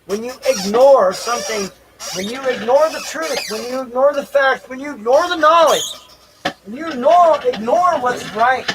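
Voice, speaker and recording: While setting up his livestream, a man talks loosely to himself in rambling, unscripted fashion, circling back to repeat phrases. His voice is very high-pitched and expressive, his speed normal, and there's noise in the background.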